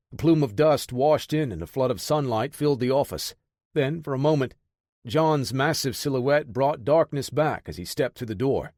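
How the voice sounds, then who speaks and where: A man narrates an action thriller audiobook in a steady, dramatic scripted delivery. His pitch is middling, and the recording is close and dry with no echo.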